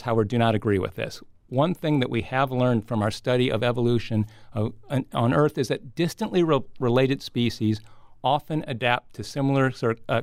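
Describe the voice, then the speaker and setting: A man giving measured, articulate explanations as a scientist guest in an interview. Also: medium pitch, no room sound, studio quality.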